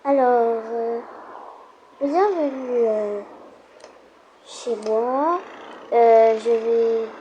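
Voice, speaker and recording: A woman's voice: on the high side, drawn-out words, long pauses, dark tone, dull audio, slight background noise. A woman playing a hesitant, friendly homeowner. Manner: hesitant, many fillers. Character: friendly female homeowner buying cookies.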